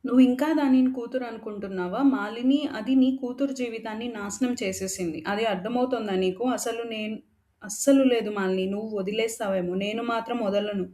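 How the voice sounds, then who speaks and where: Woman doing a harsh middle-aged mother, scolding, threatening, warm low-toned timbre, audio story. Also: steady tone, fairly quick, natural voice. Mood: furious.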